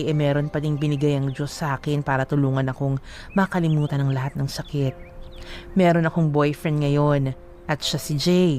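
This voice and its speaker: A woman with a low, slightly mellow voice co-hosts a radio advice show, reading out a listener's letter before commenting emphatically and slipping English phrases into her speech.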